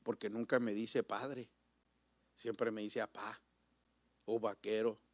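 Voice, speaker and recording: A middle-aged man from Mexico, preaching with emotional storytelling that swings from loud exclamations to near-whispers. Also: on the low side, flat delivery, slow, no echo. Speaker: pastor.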